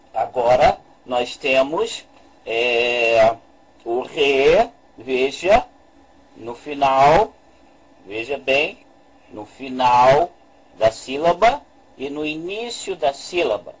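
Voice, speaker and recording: A man giving a slow, deliberate lesson, repeating his points and pausing over each one as he talks over a screen recording. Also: a little high, husky, rough recording. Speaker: religious language teacher.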